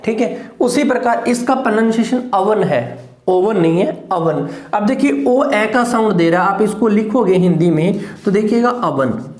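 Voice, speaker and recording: A man teaching phonetics in a slow lecture. He repeats each sound and keeps asking whether it is clear. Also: high-pitched, animated, a little mellow, echoey room. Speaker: English teacher.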